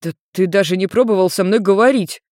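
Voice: mid-range voice, moderate pace, dry recording, studio quality, close to an everyday voice. A reader voicing a wry, bewildered male demon. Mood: defensive.

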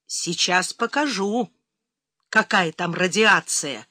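A woman narrator voicing a tough, commanding male agent who speaks slowly through clenched teeth. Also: fairly high pitch, animated, bright, forceful tone, no room sound, studio quality, exaggerated voice. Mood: grim.

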